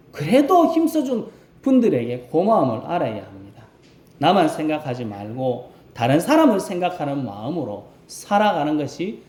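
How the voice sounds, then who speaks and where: Lively pastor preaching in an echoing church. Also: male voice, on the high side. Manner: animated preaching, asks the congregation questions and acts out voices. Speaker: rural pastor. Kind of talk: Sunday sermon. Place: church sanctuary. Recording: roomy church echo.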